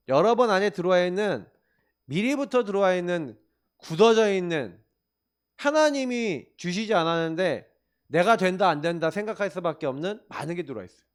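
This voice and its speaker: A male pastor preaching in a high voice that swoops up and down. He talks with the congregation and throws them rhetorical questions. His delivery is emphatic and conversational. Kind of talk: sermon. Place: church.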